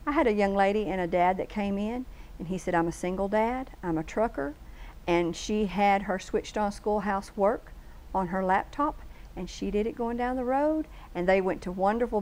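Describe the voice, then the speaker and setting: Woman, studio guest, earnest and explanatory, even mid-range voice. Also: medium pitch, moderate pace, rough recording. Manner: earnest, explanatory, lists questions. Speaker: homeschool bookstore guest. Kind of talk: casual TV interview chat. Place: local TV studio.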